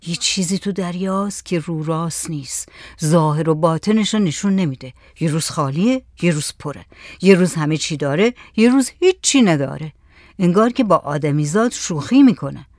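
A woman's voice: fairly low pitch, darkish tone, no room sound, clean studio sound, close to an everyday voice. Woman reading as a brooding fisherman man. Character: brooding adult male fisherman, pensive and wary.

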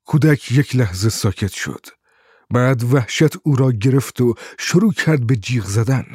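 A man reading a story aloud as an audiobook narrator in a steady, measured way. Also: mid-range voice, breathy edge, dry recording, clean studio sound. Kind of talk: scripted narration.

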